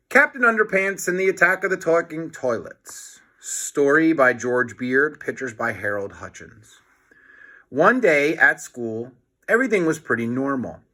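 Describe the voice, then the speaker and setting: Reading a children's storybook, this man takes a slow, deliberate pace and breaks in with simple explanations along the way. His voice is mid-pitched, bright, and expressive.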